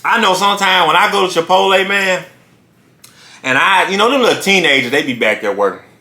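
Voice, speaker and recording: A man talks casually between bites on an eating show and tells his stories with animation. His voice sits fairly high and sounds bright and forceful. The room around him gives it a noticeable echo. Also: brisk. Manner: talks while chewing food; animated storytelling. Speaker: mukbang host. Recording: roomy echo.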